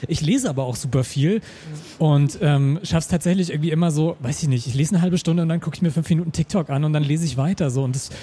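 Young man, fast talker, hedging fillers, slightly high voice. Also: mellow, slightly rough. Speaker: podcast guest. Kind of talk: casual panel discussion.

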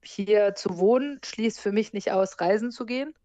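This relaxed interview features a surf instructor and hostel owner in her forties who was born in the US and grew up in Germany. Chatting at a normal speed in a mellow, mid-range voice on a dry recording, she stays lively and laughs frequently while telling her stories.

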